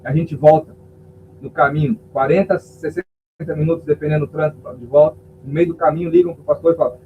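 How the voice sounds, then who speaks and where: A male pastor with a slightly high, steady voice talks fast as he recounts an emotional testimony for a podcast interview. He acts out the voices of the characters in his story, and the recording sounds tinny and phone-like with a faint hum.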